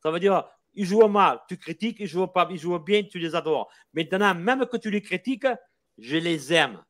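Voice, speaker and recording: A man's voice: high voice, expressive, moderate pace, a bit bright. An older man from Marseille with a Marseille accent, a football supporter talking passionately and repeating himself in a casual chat.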